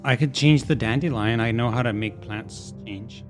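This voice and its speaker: A man's voice: medium pitch, normal speed. A man playing a tabletop game on a podcast, chatting casually and improvising in character. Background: music.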